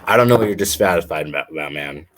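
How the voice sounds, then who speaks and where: A man's voice: deep voice, expressive, fast, a bit bright, a little hiss or hum. A man coaching writers, reading a submitted story aloud and critiquing it in a casual, chatty way. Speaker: writing coach.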